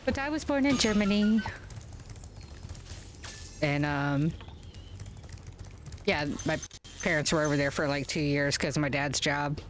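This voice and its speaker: A deep-voiced woman from the United States hosts a gaming stream at home, picked up by a webcam setup with slight background noise. She chats casually while playing, rambling at an easy pace with lots of fillers and chuckles.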